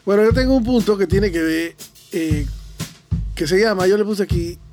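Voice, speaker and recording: High-voiced male host. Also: normal speed, over music. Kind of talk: casual podcast chat.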